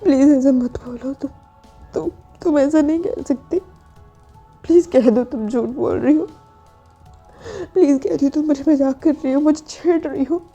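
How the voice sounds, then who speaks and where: A woman's voice: high-pitched, normal speed, pauses often, warm tone, voice pushed up. A woman voicing a heartbroken, desperate female boss who is crying, in a dull lo-fi recording with faint music. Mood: desperate, tearful.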